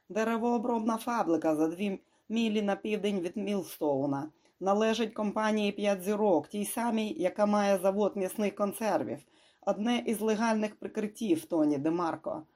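The audiobook narrator voicing an excited male police captain reporting over the radio. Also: mid-range voice, close to an everyday voice. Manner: excited, brisk.

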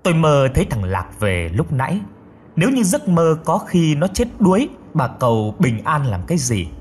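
A man's voice: on the high side, sing-song, moderate pace, darkish tone, slight background noise. A man voicing a stammering, grieving old grandmother. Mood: mournful. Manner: stammering, mournful, insistent. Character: frightened old grandmother haunted by a dream.

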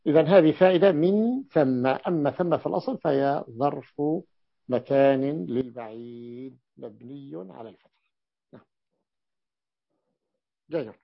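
A man's voice: mid-range voice, measured pace, vocal fry, pauses often, no room sound, lo-fi sound. A man teaching a grammar lesson, explaining step by step and repeating key points for his students.

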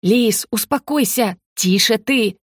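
Anxious hushing young woman read by a woman, urgent, slow, dry close recording. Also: a little high, no echo, lightly acted.

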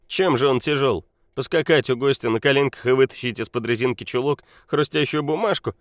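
A man voicing a drunk, boastful quarry owner who slurs and shouts. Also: medium pitch, brisk, dry recording, studio quality, pitched above the performer's own voice, natural voice. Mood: drunk, loud. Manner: slurring, shouting, swaggering.

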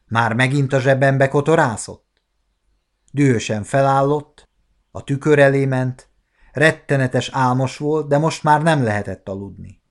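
A man in his forties narrating a classic novella as an audiobook, measured and expressive. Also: mid-range voice. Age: 40s. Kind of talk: scripted literary narration.

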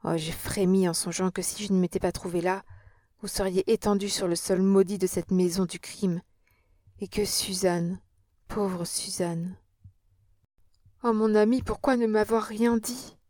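A woman's voice: mid-range voice, a little mellow, no room sound, clean studio sound, close to an everyday voice. A woman reading an audiobook and voicing an impassioned young Parisian woman with an earnest, dramatic manner.

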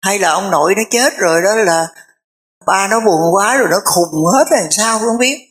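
Nun playing chatty, puzzled village passersby. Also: female voice, mid-range voice, normal speed, close to an everyday voice. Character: gossiping passersby, worried villagers.

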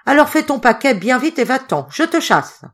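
A snarling, merciless innkeeper from a storybook, voiced by a woman reader. He barks orders in a raised, hard voice through clenched teeth. The delivery is commanding and loud. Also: fairly high pitch, sing-song, moderate pace, voice pushed up. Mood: harsh. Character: cruel scheming male innkeeper, furious.

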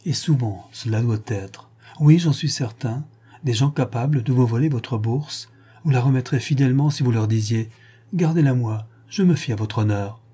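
A man's voice: medium pitch, normal speed, warm tone, husky, lightly acted. A man reading an impassioned young son. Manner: impassioned, earnest. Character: idealistic fervent young son.

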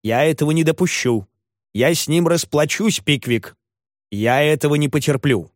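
A man putting on a frantic, duped gentleman in a storybook, ranting high and loud. The voice is dry and close. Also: moderate pace, no room sound, close to an everyday voice. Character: agitated middle-aged gentleman duped, raving.

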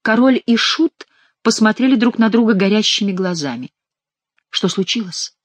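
A woman's voice: mid-range voice, expressive, moderate pace, dry recording. Woman reading an audiobook, dry. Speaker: audiobook reader. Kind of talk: scripted narration.

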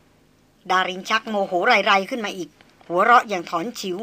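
Bright-voiced woman narrating an audiobook. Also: medium pitch, brisk.

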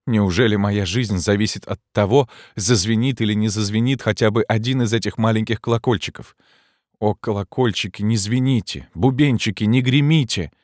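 A man performs the role of an anxious, chatty young male poet who protests nervously, sounding worried. His natural, expressive voice is raised above his own pitch to a medium level, at a moderate pace, in a dry, studio-quality recording.

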